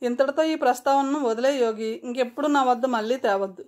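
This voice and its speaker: Brief: sorrowful, guarded older sister, read by a woman in a novel, somewhat high voice. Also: fairly quick, darkish tone, close to an everyday voice. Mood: distressed. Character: grieving young woman, protective older sister. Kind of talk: audiobook character reading.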